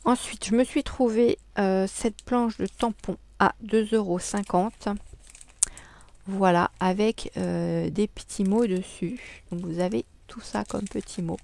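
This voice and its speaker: A woman's voice: medium pitch, slow, vocal fry, a little mellow, slight background noise. A woman chatting casually in a crafting haul vlog, hesitating often with many fillers. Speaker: crafting vlogger. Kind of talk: casual haul video chat.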